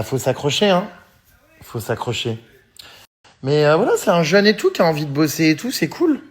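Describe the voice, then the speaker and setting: Chatty French vlogger man, filler-heavy. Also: mid-range voice. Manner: chatty, many fillers like hein and euh; often laughs while talking. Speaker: vlogger reading and answering fan messages. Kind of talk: casual story chat to followers.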